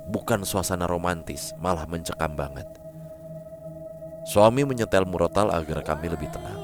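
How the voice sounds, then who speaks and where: A man narrating a listener's first-person horror story in an expressive, dramatic way. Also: sits low.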